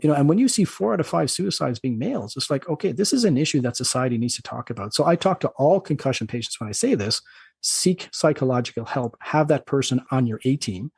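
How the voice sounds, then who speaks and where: A middle-aged man with an Irish accent and a slightly husky voice, speaking quickly and anecdotally as a doctor being interviewed. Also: mid-range voice, lively intonation, darkish tone, no room sound. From Ireland. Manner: fast-talking, anecdotal. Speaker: doctor, podcast guest. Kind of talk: conversational interview.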